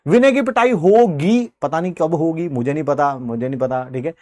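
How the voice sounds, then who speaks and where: A man in his forties, a teacher, telling a childhood anecdote in an animated way. He keeps checking in with "ठीक है" and slips English phrases into his talk. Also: on the high side, moderate pace, dry recording, clean studio sound. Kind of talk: anecdotal storytelling to students.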